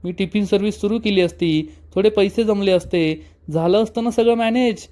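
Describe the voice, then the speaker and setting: A man's voice: sits high, moderate pace, warm tone, pitched above the performer's own voice, lightly acted. A man voicing a determined young woman who pleads and stands firm, retold in a serial recap.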